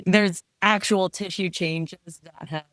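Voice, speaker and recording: Low-voiced woman physical therapist explaining. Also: steady tone, takes it slowly, fairly bright tone, no room sound, clean studio sound. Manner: explaining, thoughtful. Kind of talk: casual interview talk.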